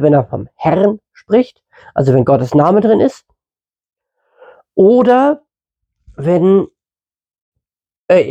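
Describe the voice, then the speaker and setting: Mellow, husky man teaching scripture. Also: high voice. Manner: conversational, uses fillers, corrects himself mid-sentence. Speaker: preacher. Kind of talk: informal Bible teaching.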